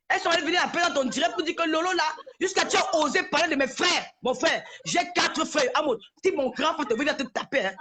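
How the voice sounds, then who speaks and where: A woman's voice: high voice, fairly bright tone, slight background noise. A woman, hurling insults in a confrontational live-stream rant. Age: 40s. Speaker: social media personality.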